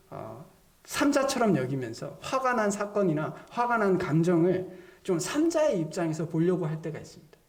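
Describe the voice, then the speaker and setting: A male pastor preaching a sermon who acts out imagined self-talk and sometimes drops to near-whispers. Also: high voice. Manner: animated, drops to near-whispers when quoting inner dialogue.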